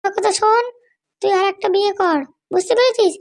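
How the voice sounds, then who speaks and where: A woman's voice: extremely high pitch, brisk, creaky. A woman voicing a scheming, bullying mother-in-law in a cartoon, scolding and hectoring. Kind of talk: cartoon voice acting.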